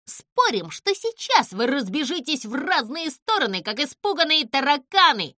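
A woman's voice: sits high, very animated, bright, forceful tone, no room sound, clean studio sound, voice pushed up, exaggerated voice. A woman reading a storybook aloud, voicing a haughty female owl who thinks herself the smartest bird alive. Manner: slow, haughty, grumbling. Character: haughty grumbling female owl, self-proclaimed writer.

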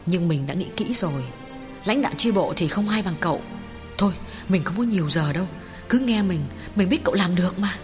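A woman voicing a resolute young village woman in an audiobook, speaking calmly, earnestly and respectfully. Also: lowish voice, brisk, big-room sound, music in the background, lightly acted. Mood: firm.

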